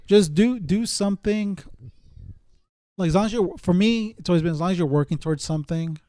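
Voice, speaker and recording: This live streamer, a man near thirty, has a fairly high, warm voice and talks a little fast. His casual chat with viewers is slangy and meandering, frequently doubling back on itself, and the recording is dry.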